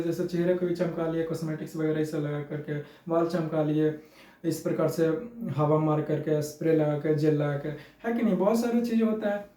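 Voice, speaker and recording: High-voiced teacher in an echoey room. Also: male voice, mellow, distant mic. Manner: chatty, teasing, explains with home examples and mixes in English. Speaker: science teacher. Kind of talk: classroom lecture.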